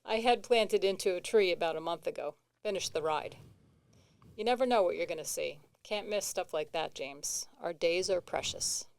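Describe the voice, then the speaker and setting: A woman's voice: fairly low pitch, normal speed, creaky, clean tone, dry recording. A woman with a New England accent co-hosting comedic banter in a matter-of-fact, dry way. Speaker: co-host.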